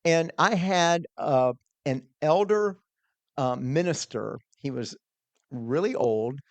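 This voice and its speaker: A man's voice: on the high side, expressive, slow, no room sound. A middle-aged man speaks earnestly as a podcast guest, with a slightly raised voice. He tells his story conversationally and restarts his phrases often. The recording is dry and close. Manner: earnest, with frequent restarts and repeated words. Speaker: guest, small business owner.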